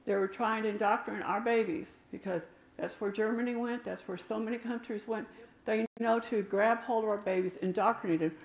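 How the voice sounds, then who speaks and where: A woman's voice: mid-range voice, fairly even intonation, a little fast, gravelly. An older woman preaching a sermon in a church, emphatic and talking with her hands, with asides to the congregation. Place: church sanctuary. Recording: echoey church room.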